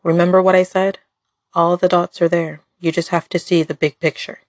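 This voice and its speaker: A woman's voice: on the low side, flat delivery, moderate pace, darkish tone, dry recording, studio quality, natural voice. A woman voicing a playful, smug male gangster with a needling manner in an audio drama story. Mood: smug teasing.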